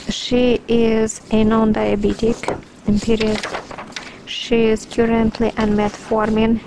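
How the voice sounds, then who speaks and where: A woman doctor dictating a medical letter, speaking punctuation aloud and spelling out drug names letter by letter in a measured, deliberate way. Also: medium pitch, noisy background.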